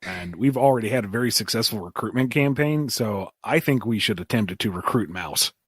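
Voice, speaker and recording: Guy player pitching a plan, earnest, voice all over the place, dry close sound. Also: lively intonation, brisk, slightly rough, no echo. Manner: earnest, persuasive, speaks in bursts. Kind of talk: tabletop game banter.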